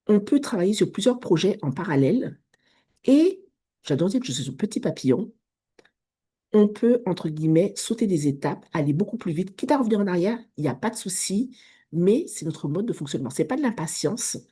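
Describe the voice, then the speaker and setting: Woman vlogger, 30s, English accent; low, dark voice, chatty direct address. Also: husky. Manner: chatty, addresses viewer as tu, self-correcting restarts. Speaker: vlogger, business coach. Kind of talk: casual direct-to-camera talk.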